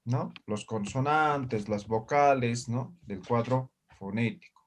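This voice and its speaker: A Bolivian man teaches a live online language class over a video call, speaking slowly at a medium pitch. He patiently checks in after nearly every phrase, and his computer mic picks up slight background noise.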